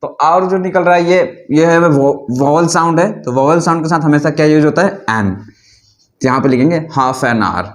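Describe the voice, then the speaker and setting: A man teaching an English grammar lesson, explaining rules slowly and repeatedly while asking his students questions. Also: on the high side, reverberant.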